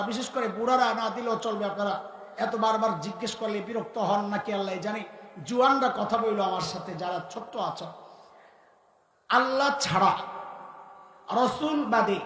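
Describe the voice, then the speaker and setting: Preacher guy, fiery sermon, keeps quizzing the crowd, really high and bright, big echoey hall. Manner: fervent, quizzes the crowd in call-and-response. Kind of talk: impassioned sermon. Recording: echoey hall with long reverb.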